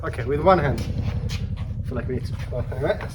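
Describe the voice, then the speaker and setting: Easygoing and joking, a man reviews a product hands-on in a casual style, his medium-pitched voice expressive and moderately paced. Roomy echo, background noise and clicks fill the recording.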